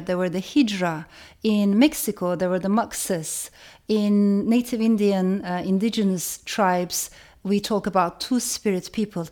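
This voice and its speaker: A woman from Turkey gives an educational talk in a reflective, measured way, repeating certain phrases for emphasis; her voice is medium in pitch and a little mellow.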